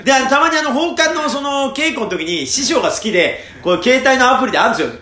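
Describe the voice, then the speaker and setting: High, lively chatty man in a roomy space. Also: fast talker, over a noisy crowd. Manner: animated, chatty storyteller. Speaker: podcast host. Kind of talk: casual chat. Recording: roomy with faint background noise.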